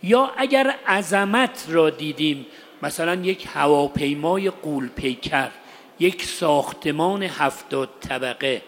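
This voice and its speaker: A man giving an explanatory religious lesson in short, paused phrases. He asks his listeners rhetorical questions and recites Arabic phrases slowly. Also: on the high side, a bit bright, slight background noise. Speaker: religious teacher. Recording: long hall reverb.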